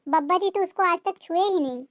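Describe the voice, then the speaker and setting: A woman's voice: very high voice, fairly quick, dry recording, studio quality. A woman voicing a weary young mother and daughter-in-law who pleads and explains in a cartoon family drama. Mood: pleading.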